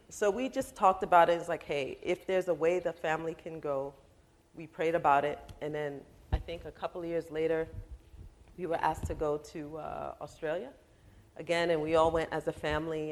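A woman, a minister's wife, telling about her family in a casual, chatty way with many fillers and quoted asides. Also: low voice. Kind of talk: personal testimony in casual conversation.

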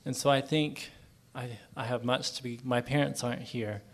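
A man's voice: medium pitch, steady tone, moderate pace. Earnest young man from Oklahoma. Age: 20s. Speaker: panelist, young farmer. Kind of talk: personal panel answer.

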